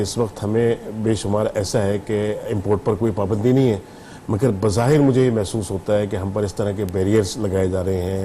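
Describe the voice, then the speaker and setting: A middle-aged man from Pakistan, a business leader guest on a TV talk show, arguing his case in a measured, explanatory way. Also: on the low side, dark tone, slight background noise. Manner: measured, explanatory, argues patiently.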